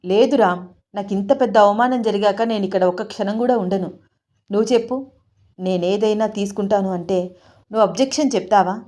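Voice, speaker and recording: A woman storyteller voicing a blunt, meddling older woman who speaks loudly with grief and accusation. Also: mid-range voice, a little fast, lightly acted. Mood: aggrieved. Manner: accusing, loud and tearful.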